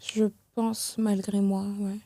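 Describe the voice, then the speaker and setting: Reflective young woman, mellow and dry. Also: mid-range voice, flat delivery, takes it slowly, no echo. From France. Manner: reflective, hesitant, many fillers and restarts. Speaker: guest. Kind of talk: casual podcast conversation.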